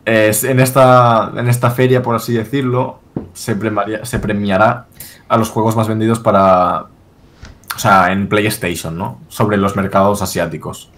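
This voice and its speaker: A man's voice: lowish voice, flat delivery, a bit bright. A man from Spain co-hosting a casual chat, joking and swearing as he talks. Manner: profane, joking, quick to mock. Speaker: podcast co-host.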